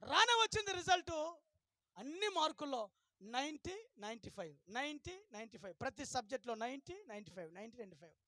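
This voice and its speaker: Pastor guy with a really high voice, dramatic sermon story, gets loud and pushes the crowd to clap, dry sound. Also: big pitch swings, brisk, dry recording. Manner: dramatic, swings between hushed and shouted, urges the crowd to shout and clap. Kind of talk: storytelling sermon at a revival meeting.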